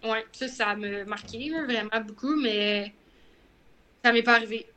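A young woman with a Quebec French accent tells a story in relaxed podcast chat. Her voice sits high and sounds bright and forward. She acts out each quoted line with animation. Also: measured pace, a little hiss or hum. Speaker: guest runner.

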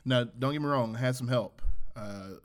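A man's voice: mid-range voice, normal speed. A man co-hosting a podcast in casual chat, informal and often repeating short phrases. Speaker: podcast co-host.

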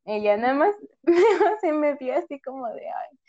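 A woman's voice: high-pitched, very animated, normal speed, dark tone, muffled recording. A young woman hosting a casual chat, giggling as she tells stories. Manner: giggly storyteller, quotes herself. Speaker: host.

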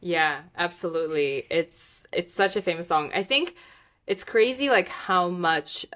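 A chatty woman from Moldova, whose first language is Russian, hosts a podcast in a casual interview chat, searching for words and using many fillers. Her voice is lowish, unhurried, and fairly bright.

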